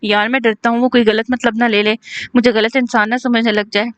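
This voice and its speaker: High, flat-voiced woman reading a novel. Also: brisk, dry recording, low-quality recording. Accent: Urdu-inflected Hindustani. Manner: even storytelling read, voicing every character herself. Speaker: novel reader.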